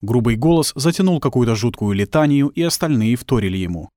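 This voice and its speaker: A man narrating an audiobook in a tense, expressive storytelling manner. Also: mid-range voice, brisk, no room sound. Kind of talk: dramatic scripted narration. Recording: dry close studio sound.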